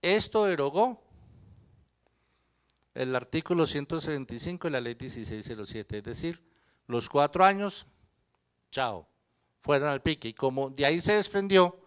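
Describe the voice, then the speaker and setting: A man's voice: fairly high pitch, fairly bright tone, clean tone. A man, an accountant, giving a live seminar talk in a conversational lecturing way, putting questions to the audience and joking with them. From Colombia.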